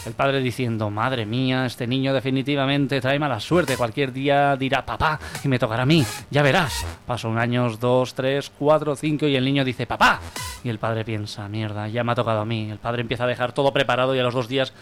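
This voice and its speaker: Radio joke-teller, man, middle pitch, plays the characters himself, clear music bed under the voice. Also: steady tone, brisk, few pauses. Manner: acts out the joke characters in a higher voice. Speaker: radio comedy host. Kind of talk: telling jokes on radio.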